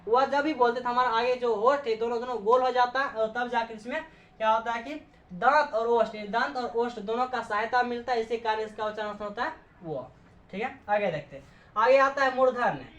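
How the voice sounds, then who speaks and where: A woman's voice: fairly high pitch, brisk. A woman teaching a class, asking questions and answering them herself, repeating points and checking in with frequent okays. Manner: frequent "okay" checks with students. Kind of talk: classroom lecture. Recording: echoey room, dull lo-fi sound.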